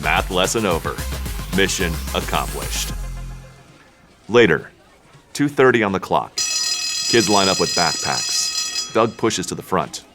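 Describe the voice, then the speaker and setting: A man reading the stage directions in a table read, dry and unhurried. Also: low-pitched, sing-song, music in the background.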